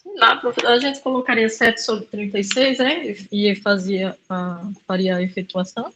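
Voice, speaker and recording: A woman's voice: medium pitch, normal speed, fairly bright tone, a little hiss or hum, rough recording. An adult woman student answering her teacher hesitantly during an online class. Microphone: video call.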